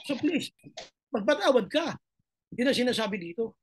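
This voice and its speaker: Woman pastor, high voice, emphatic sermon, repeats phrases. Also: sing-song, normal speed, breathy edge. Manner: mixes Tagalog and English, emphatic, repeats phrases.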